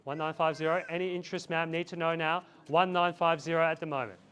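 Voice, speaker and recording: A man's voice: a little high, fairly even intonation, quick pace, fairly bright tone, smooth, highs cut off. A man calling a live property auction outdoors, repeating bid figures in a chant and urging buyers on. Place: outdoors in a residential street.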